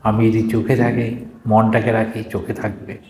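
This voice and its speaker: A man's voice: lowish voice, monotone, normal speed, a little mellow. A man, a monk, giving a devotional talk to a gathering: he reads formal passages aloud, then explains them in plain speech, asking questions and answering them himself. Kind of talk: devotional discourse with reading and explanation. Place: gathering hall before a live audience. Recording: echoey hall with faint background noise.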